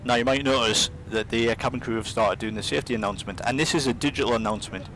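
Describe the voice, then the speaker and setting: A man giving a casual, explanatory software demonstration as its presenter. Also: rapid-fire. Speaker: presenter of a flight simulator demonstration. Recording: rumbling engine noise behind. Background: simulator aircraft rumble.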